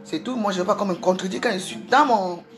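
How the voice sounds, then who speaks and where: A woman's voice: mid-range voice, faint music behind. A middle-aged woman talking on her livestream, repeating fillers and stammering, then hurling insults in a heated rant. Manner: shouting insults, rapid and heated. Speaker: social media livestreamer.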